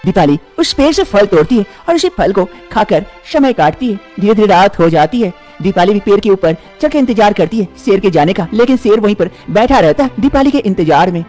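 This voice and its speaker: A storyteller giving expressive, sing-song narration of a children's moral story. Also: medium pitch, a little fast, few pauses, soft background music.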